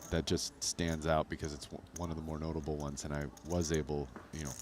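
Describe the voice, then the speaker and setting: A man with an extremely deep voice gives casual poker analysis. He talks conversationally, in loose, hedged phrases. There is clear background noise and ambience around him. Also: level tone, fairly quick. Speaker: professional poker player, guest commentator.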